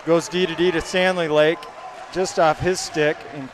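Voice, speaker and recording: A man calls a youth hockey game play by play, reeling off passes and shots at a brisk clip. His voice sits a little high for a man. A faint hum of the surroundings stays under him. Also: little pitch movement, crowd noise. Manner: rapid play-by-play, names each pass. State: hiccups. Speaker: play-by-play commentator.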